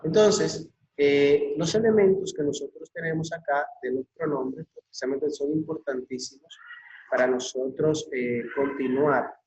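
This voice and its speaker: A male teacher gives an English lesson at an unhurried, deliberate pace, repeating each word for his students. His voice sits a little high for a man. The audio is dull and lo-fi, with a noticeable echo around him. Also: a little mellow. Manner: slow and repetitive, drilling words with many fillers. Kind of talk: classroom lesson video. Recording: echoey room, dull lo-fi audio.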